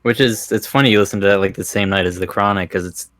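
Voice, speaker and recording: A man's voice: lowish voice, fairly even intonation, fast talker, a bit bright, no echo, studio quality. A young man co-hosting a podcast, easygoing and agreeable in casual chat. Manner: easygoing, agreeable, many short backchannels. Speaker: podcast co-host.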